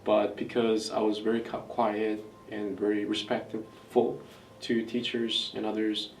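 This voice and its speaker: A man from South Korea, an army major, speaking in a measured, even way in an interview. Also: fairly low pitch. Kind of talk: interview testimony. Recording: roomy, distant mic, faint noise.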